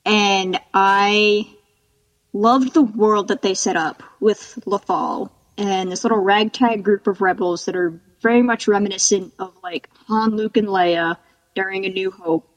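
A woman's voice: medium pitch, fairly even intonation, unhurried, rough recording. A woman guest on a casual podcast, talking as an enthusiastic fan.

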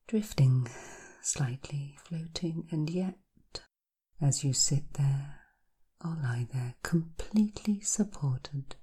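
A woman leads a hypnosis relaxation in a low voice with a breathy edge. She speaks softly, often half-whispering, and gives slow, repetitive suggestions.

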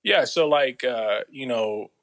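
A man's voice: mid-range voice, slow, fairly bright tone. Laid-back LA man in his thirties. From Los Angeles. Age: 30s. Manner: laid-back storytelling, slangy, many fillers. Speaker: guest, former soldier. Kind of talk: casual interview.

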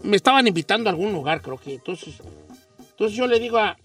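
A man's voice: sits high, lively intonation, quick pace, fairly bright tone, breathy edge, far from the mic, faint music behind. A man hosting a radio show in casual banter, playful and teasing, slipping English phrases into his talk.

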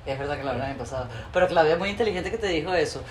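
A woman with a Venezuelan Spanish accent hosting an interview, animated and opinionated. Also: low-pitched, racing, slight background noise. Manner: animated, opinionated, colorful speech. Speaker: interview host. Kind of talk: casual interview chat. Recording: roomy with faint ambience.

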